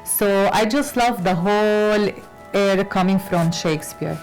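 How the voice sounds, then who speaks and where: A woman fashion designer from Lebanon, raised in Latin America, answering interview questions with many pauses and fillers. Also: mid-range voice, soft background music, poor audio. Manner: hesitant, many fillers and restarts. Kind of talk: conversational interview.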